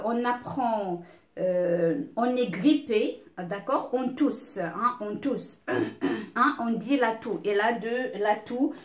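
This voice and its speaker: A woman's voice: fairly high pitch, a little mellow. A middle-aged woman teaching a beginners' phonics lesson, spelling out letters and sounds patiently with frequent hesitations. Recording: echoey room.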